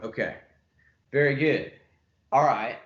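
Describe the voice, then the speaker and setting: A man's voice: mid-range voice, lively intonation, slow pace, fairly bright tone. A man hosting a casual podcast chat, asking curious questions and agreeing readily. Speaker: musician podcast host. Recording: roomy, dull lo-fi audio.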